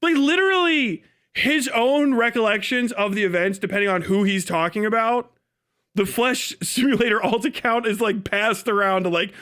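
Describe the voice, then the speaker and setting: A man with a high-pitched, pushed, bright voice live-streams his reaction to a video. His commentary is casual and profane, mocking and emphatic, and he repeats himself for effect.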